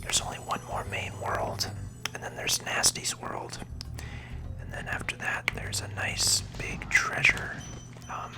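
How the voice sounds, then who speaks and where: A little slow in delivery, the ASMR gaming host stays near the microphone, offering viewers gentle, encouraging remarks in a breathy whisper.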